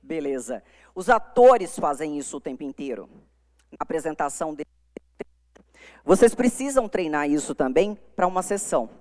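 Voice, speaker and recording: A middle-aged woman with a Brazilian accent delivers a live lecture on communication to young lawyers in a conference hall, speaking emphatically into a handheld microphone amid long hall reverb. Her low-pitched, slightly mellow voice is very animated at normal speed with long pauses, and she is demonstrative, shifting volume to make points.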